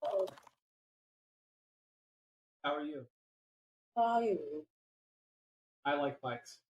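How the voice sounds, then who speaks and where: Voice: animated, takes it slowly. Voice run through a voice changer. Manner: short random phrases, pitch jumping around between lines. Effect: voice changer software altering the voice.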